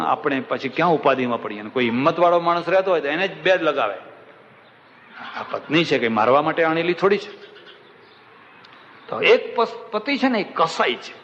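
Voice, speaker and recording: A man's voice: fairly high pitch, expressive, moderate pace, pauses often, fairly bright tone. A man giving a devotional sermon with storytelling, emphatic and repeating phrases for effect, in a large hall. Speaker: religious discourse speaker. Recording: reverberant dull hall recording, faint hiss.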